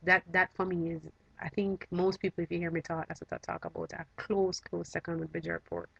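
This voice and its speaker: A woman from Jamaica with a Jamaican accent, chatting casually to camera in a fond, unhurried, reminiscing way. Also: fairly low pitch, level tone, creaky, a bit bright, husky, dry recording, highs cut off. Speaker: vlogger.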